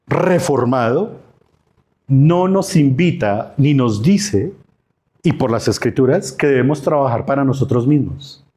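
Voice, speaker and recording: A man's voice: mid-range voice, mellow. A man, a pastor teaching a Sunday school class, who poses questions to the class and acts out dialogue from the parables. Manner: asks the class questions and answers them himself.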